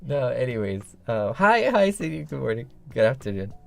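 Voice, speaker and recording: Guy streamer just chatting, rambly n playful, bit of a rough morning voice, music behind him. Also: medium pitch, big pitch swings, moderate pace. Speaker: livestream host. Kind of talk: casual livestream chat. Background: background music.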